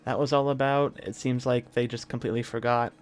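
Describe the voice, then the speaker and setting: A man live-streaming a video game, talking casually with a scratchy, hoarse throat and a rambling manner full of fillers and restarts. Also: medium pitch, level tone, a little fast, soft background music.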